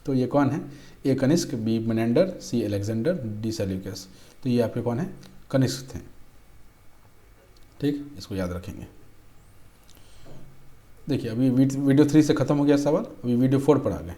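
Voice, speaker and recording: A young man works through exam questions like a patient tutor, reading each option aloud. His voice is mellow and warm, pitched in a middle range. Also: expressive, moderate pace, pauses often. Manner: patient, repeats "ठीक है", reads options aloud. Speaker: exam-prep teacher. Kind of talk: explaining quiz questions.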